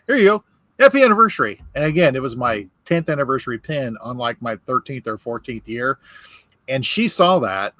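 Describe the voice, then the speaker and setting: A man's voice: mid-range voice, sharp tone, no echo. A man in his fifties telling rambling workplace stories in a casual chat, often restarting his sentences. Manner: rambling storyteller, restarts and laughs. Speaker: whiskey podcast host.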